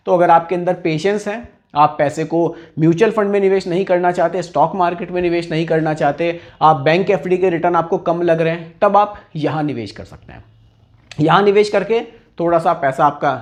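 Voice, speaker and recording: A man giving a casual explainer on investments, talking conversationally and often checking in with the listener. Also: a little high. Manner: conversational, repeats "theek hai" and "bhai" often. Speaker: personal finance explainer.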